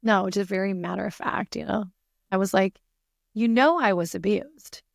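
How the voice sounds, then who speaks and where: A woman's voice: medium pitch, normal speed, vocal fry, dry recording, clean studio sound. A woman telling a personal story as a podcast guest, earnest and full of "you know" fillers.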